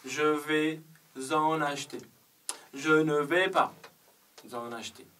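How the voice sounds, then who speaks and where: Man, language teacher, very slow careful drills, voice a bit far off the mic. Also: fairly high pitch, fairly even intonation, pushed and bright, slight background noise. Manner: deliberate, repeats conjugations in careful steps. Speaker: French teacher. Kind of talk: slow grammar lesson with drilled examples.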